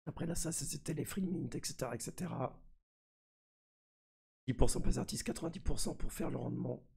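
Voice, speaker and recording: Husky, creaky-voiced man. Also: medium pitch, a little fast, warm tone. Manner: mischievous, trolling his community. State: sick. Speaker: streamer presenting a crypto NFT project. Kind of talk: casual live screen commentary.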